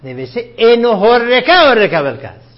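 A man's voice: extremely high pitch, big pitch swings. A man teaching a grammar class, who keeps questioning his students and repeats the rules with emphasis. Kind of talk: classroom lecture on Arabic grammar. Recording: dull lo-fi classroom recording.

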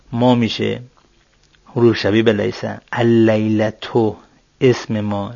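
A man teaching Arabic grammar, working through exercises and slowly spelling out each example word. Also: mid-range voice, vocal fry, no echo. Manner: slow, deliberate, spells out example words. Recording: dull, dry lo-fi sound.

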